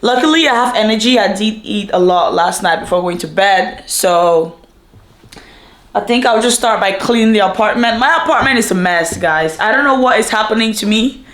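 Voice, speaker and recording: A woman's voice: mid-range voice, animated, normal speed, fairly bright tone, reverberant. A young woman and student vlogging casually to camera in her apartment, rambling and chatty with lots of fillers. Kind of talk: casual vlog chat to camera. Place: apartment indoors.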